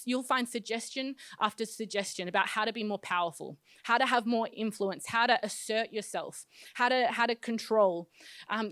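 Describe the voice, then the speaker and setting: A woman's voice: fairly high pitch, a bit bright, dry recording. A woman pastor giving a sermon in a conversational, self-deprecating way, often restarting her phrases.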